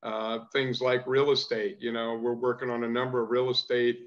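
An older man in his sixties hosts an online meeting in a casual way. His voice is mid-pitched, and the sound is slightly dull and lo-fi, as on a video call. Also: little pitch movement, moderate pace. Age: 60s. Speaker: host of the call.

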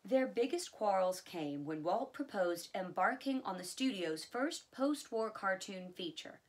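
A woman reading a biography aloud in a relaxed way, adding chatty asides of her own. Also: mid-range voice, unhurried. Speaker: audiobook reader.

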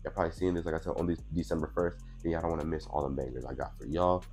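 Speaking at a racing pace, this young man has an extremely low pitch, a steady tone, and a slightly mellow sound, with soft music in the background. He's a sneaker vlogger in his twenties, a little congested from allergies, casually narrating an unboxing on a clip-on mic in a small purple-lit room. Easygoing and talkative, he keeps saying "you know what I'm saying."

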